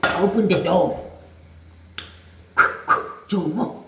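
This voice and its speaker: Woman vlogger, slow and mellow delivery, storytime, recorded a bit far from the mic in an echoey room. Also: fairly low pitch, expressive. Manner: chatty, repeats "guys" often. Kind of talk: storytime vlog.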